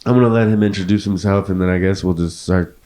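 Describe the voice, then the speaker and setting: A man's voice: low-pitched, fairly even intonation, fast talker, mellow. Laid-back young man hosting, echoey room. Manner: laid-back, swears casually, laughs often. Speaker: podcast host. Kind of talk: casual chat.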